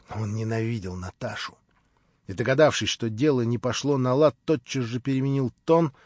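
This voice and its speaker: A male audiobook narrator reading steadily and clearly in a middle pitch. The room adds no echo, and the sound is slightly dull, like a modest home recording. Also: darkish tone. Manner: measured storytelling, first-person narration. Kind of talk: scripted narration of a classic novel.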